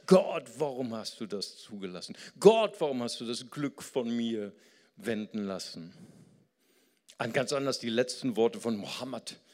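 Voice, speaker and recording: An older preacher from the Rhineland speaks with a Rhineland German accent. His delivery swings between quiet, drawn-out passages and loud, emphatic ones. He sounds like he is in a hall with a long reverb tail. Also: mid-range voice. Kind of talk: sermon.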